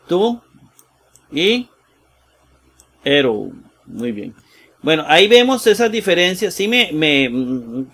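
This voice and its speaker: A man teaching a Bible lesson, slow and halting with many fillers, sounding out Greek words piece by piece and checking in with his listeners. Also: on the high side, creaky, fairly bright tone. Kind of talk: screen-shared exegesis lesson.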